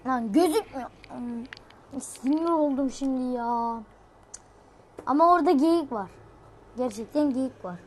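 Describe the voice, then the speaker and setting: A woman giving excitable gameplay commentary, swearing playfully and shouting sudden exclamations. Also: high-pitched, a little slow, pauses often. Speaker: gamer.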